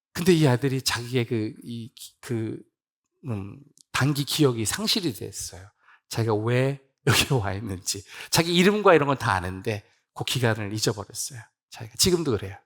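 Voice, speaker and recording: A middle-aged man, a missionary, preaching a revival sermon and telling an emotional personal story, acting out the dialogue. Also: a little high. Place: church sanctuary.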